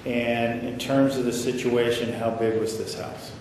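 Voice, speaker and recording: A man questioning a witness as an attorney, asking measured, leading questions, in a courtroom recording. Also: medium pitch, flat delivery, noisy background. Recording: echoey courtroom audio from far off.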